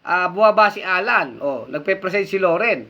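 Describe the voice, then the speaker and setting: A man's voice: high-pitched, animated, normal speed, pushed and bright, dull audio. A man from the Philippines hosting a livestream commentary, reading viewer comments and ranting with scornful, insulting indignation while throwing rhetorical questions at his audience. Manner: fiery, scornful and insulting, often rising to indignant emphasis; keeps addressing his audience directly with repeated rhetorical questions. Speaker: online political commentator and show host.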